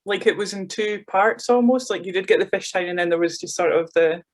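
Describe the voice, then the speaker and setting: A Scottish man interviewing an author, chatty and quick to agree with short backchannel replies. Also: sits high. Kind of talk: casual interview chat.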